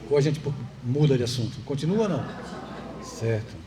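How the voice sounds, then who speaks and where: A man with a Brazilian Portuguese accent gives a public lecture in the meeting hall of a spiritist center, speaking conversationally, posing rhetorical questions to the audience and slipping in light jokes. His medium-pitched voice is expressive, fairly quick, and dark in tone.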